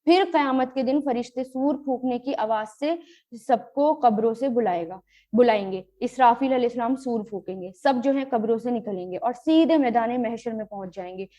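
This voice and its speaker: A woman teaching a Quran grammar and tafseer lesson, glossing each word slowly and mixing in English terms. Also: a little high, warm tone. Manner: slow, drawn-out word-by-word glossing with rhetorical questions; mixes English terms into explanations.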